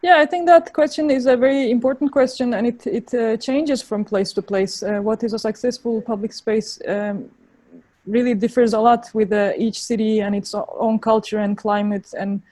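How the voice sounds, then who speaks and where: A woman with a Turkish accent answering interview questions in a thoughtful, halting way, often searching for words. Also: fairly high pitch, steady tone, warm tone, dry recording. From Turkey. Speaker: interviewed urban designer.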